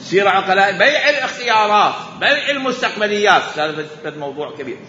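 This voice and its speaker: A man lectures on Islamic jurisprudence in a lively, bright voice, raising rhetorical questions and coming back to the same point again and again. He is recorded in a large echoing hall, and the sound is dull and lo-fi. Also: high voice, fast talker, slight background noise. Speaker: religious scholar teaching jurisprudence.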